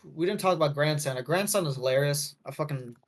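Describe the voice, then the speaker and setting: Chatting loosely about a film, a male podcast co-host speaks fast in a slightly high voice. His talk wanders, is full of filler words, and is marked by frequent self-corrections and restarts.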